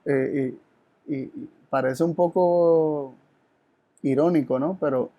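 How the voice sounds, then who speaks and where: A man's voice: a little high, slow, dark tone. A man presenting a Bible study, teaching in an earnest, reflective way and asking rhetorical questions. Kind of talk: teaching sermon.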